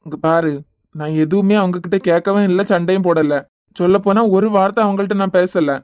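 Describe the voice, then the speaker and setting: In this cartoon voice acting, a lightly acted young father, gentle and stubborn, comforts someone and waves away his own injury, with a Kanyakumari Tamil accent. He sounds soothing yet hurt, dismissive of the pain. The medium-pitched voice is steady, fairly quick, a little mellow and smooth, with a dry recording.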